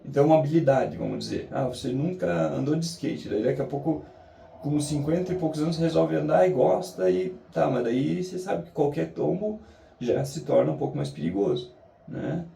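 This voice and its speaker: A Brazilian man talking reflectively and motivationally to a vlog audience, musing haltingly with drawn-out pauses. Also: on the high side, gravelly, warm tone, slight background noise. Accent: Brazilian Portuguese. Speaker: daily challenge vlogger. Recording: roomy echo, distant mic.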